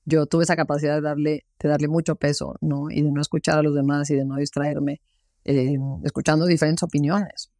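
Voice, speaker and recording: Man, podcast guest, earnest and reflective, gravelly and flat, fairly high for a man. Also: brisk, dry recording, studio quality. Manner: earnest, many fillers like "este" and "¿no?". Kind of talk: reflective interview talk.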